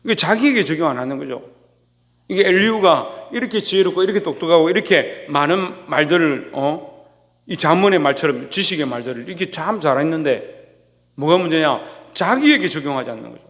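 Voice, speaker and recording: A man's voice: a little high, expressive, fairly quick, a bit bright, long reverb tail. A man, a pastor, preaching a sermon to his congregation. He keeps asking questions and answering them himself, and raises his voice to act out quoted scolding. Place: church sanctuary.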